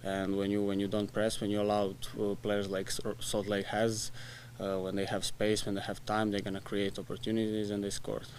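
A young man answers reporters after a match, talking in plain, halting bits, restarting phrases, with a soft laugh now and then. His voice sits low and stays flat. The desk mic catches faint room hum. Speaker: soccer player. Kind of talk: post-match press conference. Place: press room in front of a sponsor backdrop. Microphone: desk mic in front of him.

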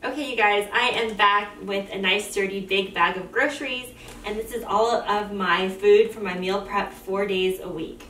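A woman's voice: medium pitch, normal speed, pushed and bright, recorded from a distance, soft background music. Chatty young woman vlogger, roomy sound. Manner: upbeat, chatty, lots of "um". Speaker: fitness vlogger. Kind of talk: casual vlog talk. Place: small indoor room for the haul, car for the drive.

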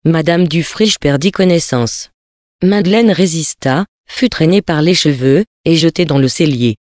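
A reader narrating a novel in a measured, grave storytelling tone. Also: mid-range voice, darkish tone, no room sound, studio quality. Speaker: audiobook reader.

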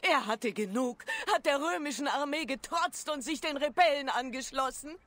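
A woman's voice: high voice, lively intonation, moderate pace, fairly bright tone. A woman voicing a desperate mother who pleads for her son in a German game dub. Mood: pleading.

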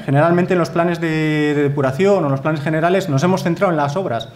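In a wood-panelled lecture hall, a Spanish man from Spain delivers a formal conference talk with slides. His voice is a little high, and he speaks earnestly and emphatically, often adding tag questions.

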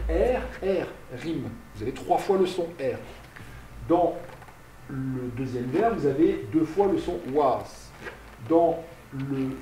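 A male university lecturer giving a public lecture, speaking slowly, explaining step by step, asking and answering his own questions, and calling for the next slide aloud. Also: on the high side, warm tone, a little hiss or hum. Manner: directs slide changes aloud. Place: lecture hall. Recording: roomy, distant lecture hall recording.

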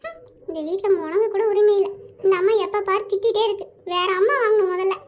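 A cheeky little cartoon boy who whines and grumbles in a very high, squeaky voice and rattles off his complaints at a quick clip. he sulks and pities himself in every line. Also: steady tone, muffled recording. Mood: grumbling. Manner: complaining, self-pitying grumbles. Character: whiny little boy in kindergarten, cheeky and sulky. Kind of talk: cartoon family comedy.

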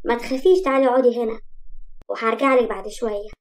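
A woman's voice: fairly high pitch, rapid-fire, natural voice. A woman with an Egyptian accent voicing a cold, sardonic rich young man in a spoken story. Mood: stern. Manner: flat, icy delivery.

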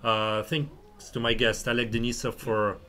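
Here a stand-up comedian and podcast host from Russia, speaking with a Russian accent, runs a casual chat in a mid-range voice that's pushed and bright, with little pitch variation and an unhurried pace. He comes across hesitant and rambling, with a tendency to swear.

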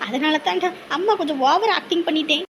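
A woman's voice: high-pitched, noisy background. A middle-aged woman playing a bossy mother who scolds and advises her grown son. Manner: bossy, scolding, quick-fire advice.

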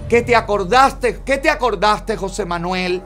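A man's voice: sits high, measured pace, a bit bright, soft background music. Flamboyant man hosting a gossip show. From Cuba. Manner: flamboyant, theatrical, with frequent exclamations. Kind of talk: reading chats aloud with commentary.

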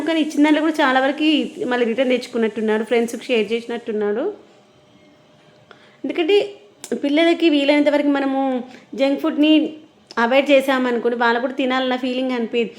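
A woman's voice: sits high, quick pace. A woman chatting casually and explaining things to viewers as a vlogger. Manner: explanatory, conversational. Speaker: vlogger and mother.

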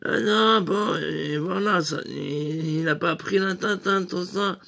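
A serious, timid young man, put on by a man protests in a prissy, hesitant way. The voice is high and bright, with a slight gravelly roughness. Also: slow, exaggerated voice. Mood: prim.

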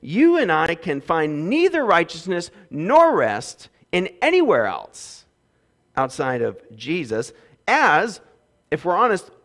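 A man in his thirties preaching a sermon on a church stage through a headset mic, swinging between loud emphasis and quiet asides. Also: fairly high pitch, wildly swooping pitch, slow. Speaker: pastor. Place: church stage with windows behind.

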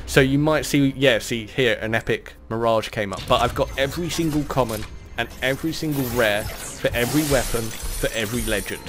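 A young man giving casual, chatty commentary as he opens game loot packs, now and then bursting into excited cheers. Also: mid-range voice, a little fast, music in the background. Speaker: gaming YouTuber.

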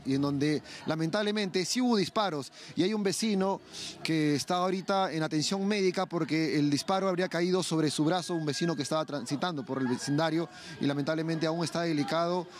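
A man reporting live from the street in a measured, formal news manner. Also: a little high, a little hiss or hum. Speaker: TV field reporter. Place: outdoors at a bus terminal.

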